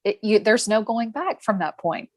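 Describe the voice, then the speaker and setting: A woman speaking as a podcast guest, telling her story in a thoughtful, earnest, measured way. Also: mid-range voice, expressive, no room sound. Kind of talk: reflective interview storytelling.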